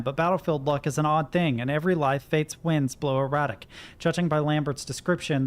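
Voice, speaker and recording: An American man doing casual livestream game commentary, talking to himself as he plays and reading in-game notes aloud. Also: fairly high pitch. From Kentucky, United States. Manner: talks to himself while playing. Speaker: game streamer.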